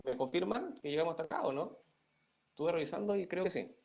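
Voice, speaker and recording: A middle-aged man teaching over a video call, joking with his students before explaining the material. His voice is a little high and gravelly. The sound is dull and lo-fi. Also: very animated, quick pace. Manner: reads student chat aloud, playful. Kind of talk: online class lecture.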